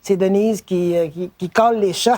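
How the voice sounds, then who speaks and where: A woman with a Québécois accent gives enthusiastic commentary. She sits in a middle pitch with a mellow, warm tone. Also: fairly even intonation, moderate pace. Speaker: interviewee, commentator.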